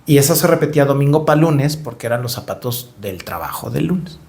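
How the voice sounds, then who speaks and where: Gravelly middle-aged Mexican man. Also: mid-range voice, expressive, a little fast, darkish tone. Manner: reflective, repeats words while searching for them. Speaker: podcast guest. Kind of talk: conversational interview storytelling.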